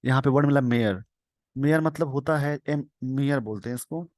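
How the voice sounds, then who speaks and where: A man's voice: mid-range voice, a little mellow, dry recording. Man explaining English vocabulary. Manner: reads English slowly word by word, then explains quickly. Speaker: teacher. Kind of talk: explaining an English newspaper editorial.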